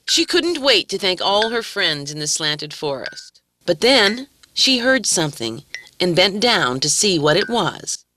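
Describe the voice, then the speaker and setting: A woman narrating a children's story gently and expressively. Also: lowish voice, big pitch swings, unhurried, slight background noise.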